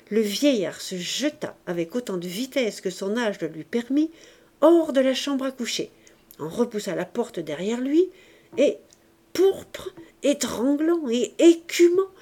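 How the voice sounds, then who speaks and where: A woman narrating a classic novel at an unhurried, measured pace. Her voice is mellow and soft, dropping low and quiet in the narration. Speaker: audiobook reader.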